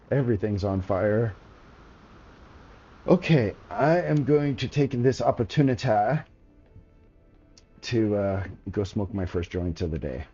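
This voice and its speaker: Laid-back, mellow-voiced male game streamer. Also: on the low side, muffled recording. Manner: laid-back, chatty, slangy, talks to chat. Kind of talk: casual gameplay commentary.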